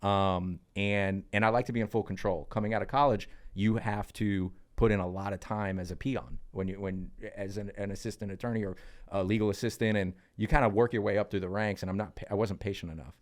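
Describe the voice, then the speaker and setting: A man in his thirties telling stories from his career on a podcast, chatty and lively, with plenty of fillers. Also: fairly low pitch, a little fast. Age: 30s. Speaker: podcast co-host. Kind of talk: casual storytelling in podcast chat.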